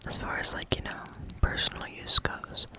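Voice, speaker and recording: An ASMR vlogger chatting in a soft unvoiced whisper, rambling with many fillers and eating between remarks. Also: normal speed. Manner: chewing and eating sounds between talk.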